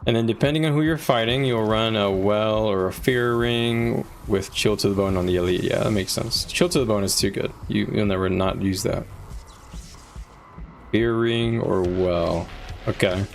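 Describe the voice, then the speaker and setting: Here a game livestreamer talks at a normal speed, his voice on the low side with some vocal fry. Music runs behind him as he explains things to viewers in a relaxed, conversational way.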